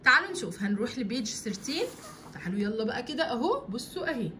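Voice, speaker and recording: A woman with an Egyptian Arabic accent teaching an English lesson to young pupils, spelling words out slowly and repeating them. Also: on the high side, sing-song, bright, forceful tone, a little hiss or hum. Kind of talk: online English lesson for children. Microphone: voice-over on an interactive whiteboard video.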